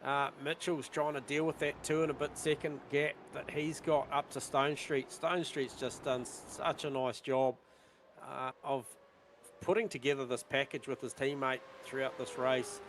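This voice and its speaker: A man's voice: mid-range voice, a little hiss or hum. Man calling sim race laps. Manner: rapid lap-time calls, rising excitement at overtakes. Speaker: sim racing commentator. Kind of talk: live race commentary.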